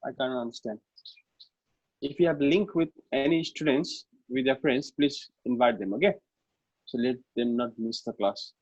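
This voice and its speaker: A man's voice: medium pitch, moderate pace, husky, no echo. A man with a Nepali accent teaching an online lesson informally, often repeating himself and checking in with short tags. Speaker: math teacher. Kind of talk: online lesson, explaining informally with code-switching. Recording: dull lo-fi online class audio.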